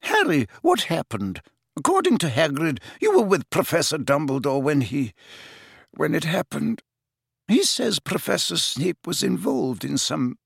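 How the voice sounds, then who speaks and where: A man's voice: a little high, wildly swooping pitch, unhurried, gravelly, husky, no room sound, clean studio sound, pitched above the performer's own voice, heavily acted. A man voicing an older, stern woman professor in an audiobook, shocked and tearful, with a faint, wavering, distracted manner. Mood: shaken questioning.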